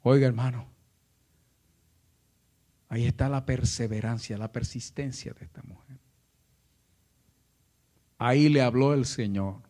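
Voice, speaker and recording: A male pastor preaching a fervent sermon that swells into shouting, often calling out to his listeners as brother. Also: medium pitch, measured pace, long pauses. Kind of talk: impassioned sermon.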